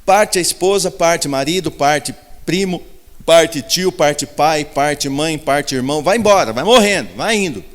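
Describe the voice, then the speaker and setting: Man, Brazilian Portuguese accent, emphatic sermon, fairly high voice, long reverb. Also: animated, normal speed, few pauses. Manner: repetitive, emphatic preaching with rhetorical questions. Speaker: pastor.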